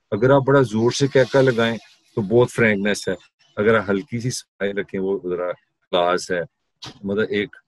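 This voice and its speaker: A middle-aged man with a Pakistani Urdu accent giving a university class lecture, conversational, mixing in English terms and sarcastic asides. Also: on the low side.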